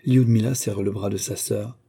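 A man reading a novel aloud in a measured, even narration. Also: lowish voice, vocal fry, husky. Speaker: audiobook reader.

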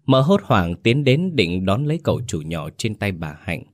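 A man narrates a ghost story in a very low voice, steady and measured. He also greets listeners as the host. The sound is dry and close, with no room echo.

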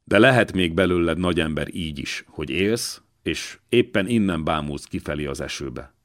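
Brief: gruff old man, deep and slow-spoken, fatherly and weighty, read by a male narrator. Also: animated. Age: older. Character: wounded old man, former royal servant, gruff, fatherly.

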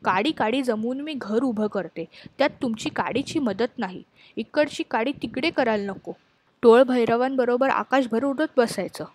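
A woman's voice: on the high side, moderate pace, darkish tone, close to an everyday voice. A woman voicing a talkative, indignant female sparrow who scolds her mate, in a storybook reading. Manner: scolding, complaining.

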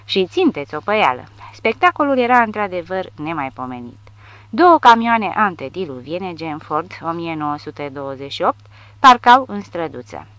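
A woman reading an audiobook with lively storytelling. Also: on the low side, no echo. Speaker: audiobook narrator. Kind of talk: audiobook narration.

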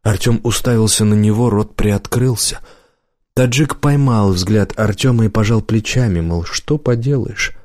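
Guy narrating an audiobook, lowish voice, measured and even, super dry close mic. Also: dry recording.

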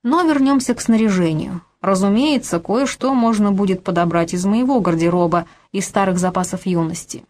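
A woman voicing a brisk middle-aged man, a scheming financier who lectures crisply and commands. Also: mid-range voice, darkish tone, close to an everyday voice. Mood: lecturing. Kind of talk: audiobook character voice.

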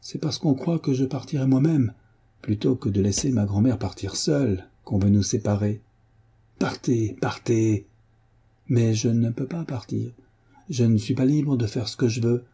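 A man's voice: mid-range voice, moderate pace, dark tone, breathy edge. A man voicing a pleading young schoolteacher. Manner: imploring, heartfelt.

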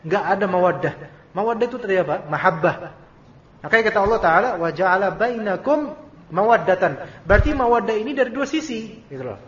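A high-voiced man teaches a relaxed religious study class, chatting easily with his listeners. The recording is dull and lo-fi, with a faint hiss. His voice echoes around a roomy space. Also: fast. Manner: conversational, lively, acts out quoted dialogue. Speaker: Islamic teacher. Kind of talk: casual religious study lecture.

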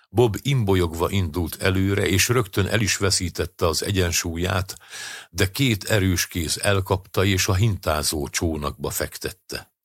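Male audiobook narrator, very low voice, husky, dry close sound. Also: dry recording. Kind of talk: scripted narration of a short story.

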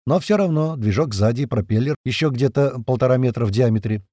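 A man's voice: medium pitch, fast talker, dark tone, dry recording. A man narrating a first-person audiobook in a conversational tone with casual swearing, close to the mic.

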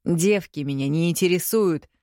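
A woman reading an audiobook voices a harsh, domineering middle-aged father who angrily issues orders slowly and firmly in a low, dark voice. The recording is close and dry with no room sound, and the performance is lightly acted.

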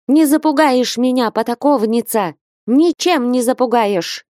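Woman doing a shrill, furious young woman. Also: a little slow, dry recording, clean studio sound, lightly acted. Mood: furious shouting. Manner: shouting, high-pitched outbursts.

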